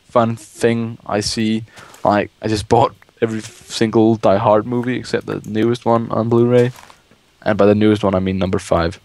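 A man's voice: on the low side, level tone, moderate pace, darkish tone. A young man hosting a gaming video, chatting casually and rambling about movies while playing. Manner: rambling, swears when startled. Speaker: let's play host.

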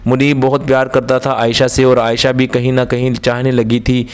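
A man's voice: mid-range voice, normal speed. A man reading a moral story aloud in a scripted narration. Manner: steady, even reading.

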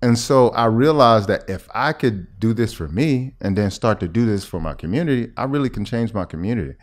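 With a fairly low pitch and a brisk, animated delivery, a middle-aged American health expert chats as a podcast guest. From a table in a small indoor room, speaking into a podcast mic on a boom arm, he works through his explanations and checks that the listener understands.

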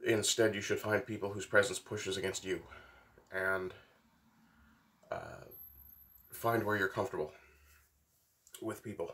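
Man, middle-aged, stuffed-up congested nose, sick, lowish pitch, halting rambling vlog talk. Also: animated, pushed and bright. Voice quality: stuffy, congested nasal sound. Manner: rambling, halting, with long pauses. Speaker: vlogger. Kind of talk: unscripted casual monologue to camera. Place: small wooden workshop, indoors.

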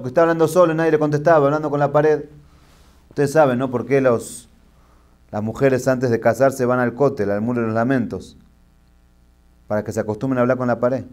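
A middle-aged man, a rabbi giving a sermon and telling jokes as a lively storyteller. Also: medium pitch.

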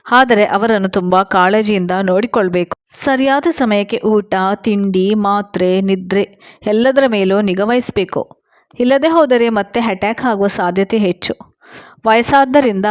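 A woman reading the lines of a calm male doctor in a story, giving measured, reassuring advice. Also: mid-range voice, no room sound, studio quality, natural voice.

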